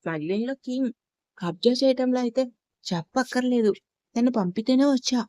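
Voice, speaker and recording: Roni, a cocky swaggering henchman, sneering and threatening, close and dry, in a storybook reading, as a woman narrator puts him on. The voice sits fairly high with a mellow, warm tone. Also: fairly quick, dry recording, close to an everyday voice. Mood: menacing. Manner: mocking, threatening. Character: cocky menacing male thug, swaggering henchman.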